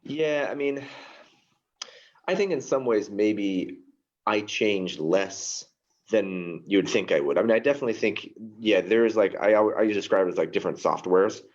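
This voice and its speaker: A man tour guide in a round-table chat, thoughtful and self-deprecating, often pausing on fillers. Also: on the low side, a little mellow, dull audio.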